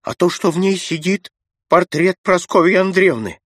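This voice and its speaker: A man's voice: high voice, moderate pace, a bit bright, no echo, clean studio sound, voice pushed up. A man voicing a simple manservant who talks in a raised, rustic, flustered way in an audiobook. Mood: frightened. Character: simple male servant, frightened and fussy. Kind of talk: audiobook character voice.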